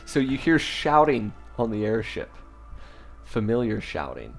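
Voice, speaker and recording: A man narrating as dungeon master, wry and unhurried. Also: mid-range voice, big pitch swings, creaky, soft background music. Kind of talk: narrating a tabletop game.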